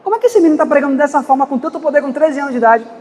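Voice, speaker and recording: A preacher with a darkish, very high voice thunders through an impassioned sermon, his phrasing alternately hurried and stretched out. Heavy, lingering reverb suggests a large church, and his pitch and tempo shift wildly.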